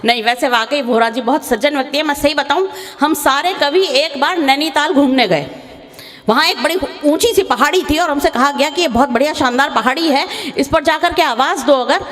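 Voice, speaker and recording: A woman's voice: sits high, a bit bright. A woman comic poet on a live stage, chatting and teasing the audience through a microphone. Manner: chatty, teasing the audience, sings a slow verse. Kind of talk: stage comedy poetry recital. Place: live stage show in a hall. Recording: reverberant hall sound.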